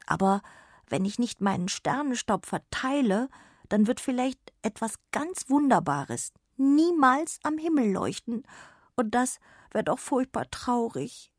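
A woman's voice: a little high, sing-song, unhurried, husky, no room sound, studio quality, voice pushed up, exaggerated voice. A woman voicing a small, feverish, sleepy fairy in a children's radio story. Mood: worried. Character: small sick sniffly female star fairy.

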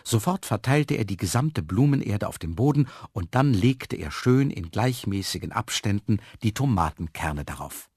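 A man reading a children's story aloud, expressive and lively. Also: fairly low pitch, normal speed, hardly any pauses, slightly rough, dry recording, studio quality.

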